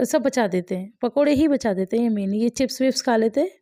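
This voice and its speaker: Woman, family vlogger from India; mellow, slightly high voice; casual, self-mocking chatter with frequent laughs. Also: fairly quick, dry recording, studio quality. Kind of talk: casual voice-over chat.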